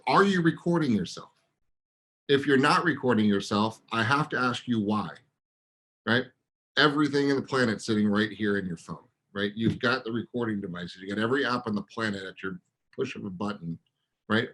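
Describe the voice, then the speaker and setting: Husky man firing off coaching questions. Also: on the low side, a bit bright, poor audio. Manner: punchy, rapid-fire rhetorical questions. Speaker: podcast co-host, real estate coach. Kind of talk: coaching podcast talk.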